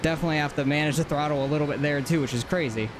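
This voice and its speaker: Over the roar of a racing game's car engine, a man rattles off casual, informal live commentary as he sim races, thinking aloud at the wheel. His voice is a little high and he talks at a racing clip.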